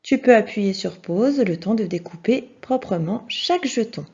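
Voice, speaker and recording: A woman's voice: mid-range voice, expressive, normal speed, warm tone, husky. A woman teaching a children's video lesson, speaking patiently and encouragingly and addressing the child directly. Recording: dull lo-fi sound.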